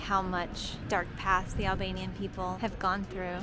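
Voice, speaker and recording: A woman's voice: mid-range voice, monotone, unhurried, background noise. A woman travel vlogger chatting casually and enthusiastically to viewers. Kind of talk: casual vlog chat. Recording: loud music behind the voice. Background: music.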